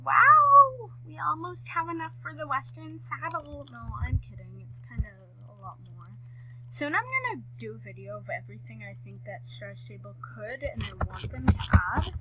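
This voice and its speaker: Woman gaming vlogger, bright slightly high voice, rambly casual commentary, keeps cutting herself off. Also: expressive, moderate pace, slight background noise, poor audio. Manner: rambling, self-correcting, many fillers.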